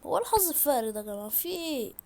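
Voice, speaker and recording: Excitable Egyptian woman gaming commentary. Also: high voice, rapid-fire, gravelly. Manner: excitable, chatty, talks to viewers. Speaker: gaming YouTuber. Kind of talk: gameplay commentary. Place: at home, in a room.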